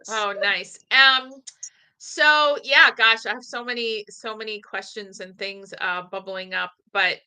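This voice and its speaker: Bright, animated woman podcast host. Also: on the high side, measured pace, smooth, low-quality recording. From Northeastern US. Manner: animated, blunt, swears casually. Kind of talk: casual conversation.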